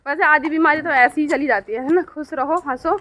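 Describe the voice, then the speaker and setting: A middle-aged woman with a high, steady voice speaks a little fast and a bit brightly as she vlogs about family life. She chats warmly to the camera at home and out in the city, often adding questions for her viewers. Slight background noise is audible.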